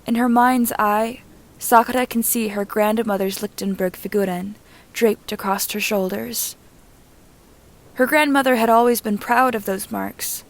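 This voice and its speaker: Her voice on the high side and her intonation fairly even, a woman narrates fan fiction aloud as an amateur audiobook reader. She keeps a deliberate, measured manner, speaking in short phrases.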